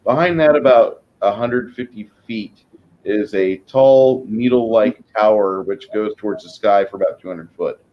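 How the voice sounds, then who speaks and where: Lowish-voiced male game master, halting delivery. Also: dull audio. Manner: halting, pausing mid-sentence to search for words. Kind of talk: improvised tabletop game narration.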